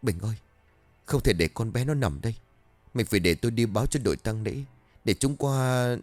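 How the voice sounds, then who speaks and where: A man's voice: mid-range voice, fairly quick, darkish tone, no echo, soft background music, lightly acted. A man doing a pleading grieving mother. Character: grieving middle-aged mistress of the house, pleading.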